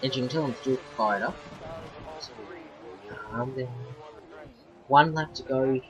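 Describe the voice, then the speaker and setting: A man giving casual, rambling commentary on his own racing game from his bedroom, excitable and quick to flare into loud frustration. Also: medium pitch. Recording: muffled lo-fi with faint game music.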